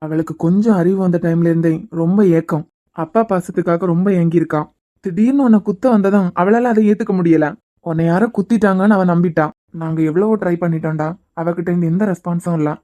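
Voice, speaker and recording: A woman's voice: fairly low pitch, quick pace, mellow, lo-fi sound, lightly acted. A woman voicing a serious young male doctor in a cartoon series, with a Kanyakumari Tamil accent. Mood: grave. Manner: serious, explaining. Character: young male doctor friend, grave and calm.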